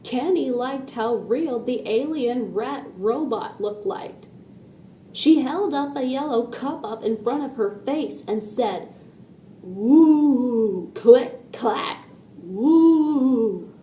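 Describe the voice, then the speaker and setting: A woman reading a children's story aloud, slowly and deliberately, and adding her own spoken sound effects. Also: high-pitched, dark tone, far from the mic. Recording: echoey room with faint noise.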